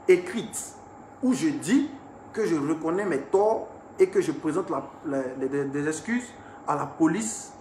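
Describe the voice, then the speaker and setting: A young man telling his viewers about an incident. He talks in an animated way and swings between hushed and raised speech. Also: on the high side. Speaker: artist recounting an incident. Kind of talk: storytelling to viewers. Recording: echoey room with faint ambient noise.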